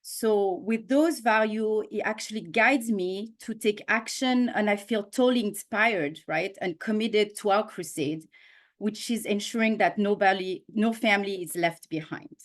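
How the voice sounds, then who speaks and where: A woman's voice: medium pitch, a little slow. A woman from Switzerland giving a cheerful, chatty presentation on a video call. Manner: cheerful, chatty with little laughs. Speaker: guest speaker.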